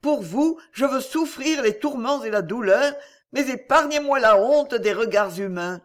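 A man's voice: high-pitched, big pitch swings, unhurried, full character voice. A man reading aloud, voicing a devout young blind girl in fervent prayer to God.

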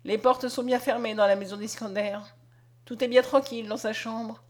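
Higher-voiced woman reading a tale. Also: normal speed. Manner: expressive, dramatic storytelling. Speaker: audiobook reader. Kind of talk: literary narration read aloud.

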